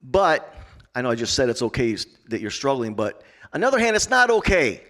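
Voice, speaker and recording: A man's voice: medium pitch, very animated, fairly quick, a bit bright. A man, the pastor, speaking earnestly and repeating his points as he presses them home on a church panel. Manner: earnest, repetitive, rising to emphatic. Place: church conference stage.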